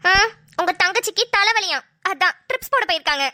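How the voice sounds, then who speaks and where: A woman's voice: very high-pitched, lively intonation, quick pace, bright, forceful tone, exaggerated voice. A woman playing a sarcastic young daughter-in-law. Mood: grumbling. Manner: sarcastic, grumbling asides. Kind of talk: cartoon voice acting.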